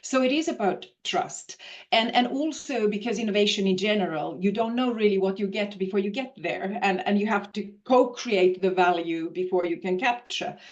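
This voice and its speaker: A woman's voice: medium pitch, normal speed, highs cut off. A woman from Finland, a professor, answering interview questions in a thoughtful way with many fillers and restarts. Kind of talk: video-call interview.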